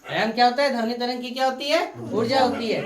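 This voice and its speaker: A woman's voice: fairly high pitch, quick pace, crowd noise. Woman tutor quizzing a class, echoey. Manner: repetitive questioning, prompts students to answer. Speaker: science tutor. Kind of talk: classroom lecture with call-and-response questions. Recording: echoey room, far from the mic.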